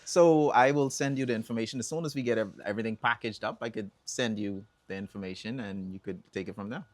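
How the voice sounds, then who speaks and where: A Bahamian man telling stories as an interview guest, relaxed and chatty, with bursts of excited whoops. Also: on the low side, quick pace, no echo. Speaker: songwriter and environmental advocate guest. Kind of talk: casual interview answers.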